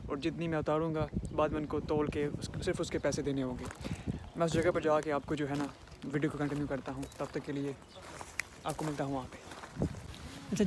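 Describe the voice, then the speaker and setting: A man's voice: fairly high pitch, noisy background. A young man, chatting casually as a vlogger while walking outdoors on a fruit farm, with a slightly sore throat. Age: young adult. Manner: chatty, explaining as he walks. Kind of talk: casual vlog narration. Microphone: phone camera held by hand.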